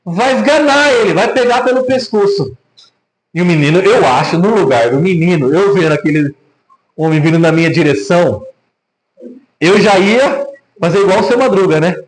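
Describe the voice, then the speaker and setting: A Brazilian Portuguese-accented man tells a story in his sermon with animation, peppering it with rhetorical questions. He speaks at a normal pace in a high, expressive voice, and the church hall recording echoes.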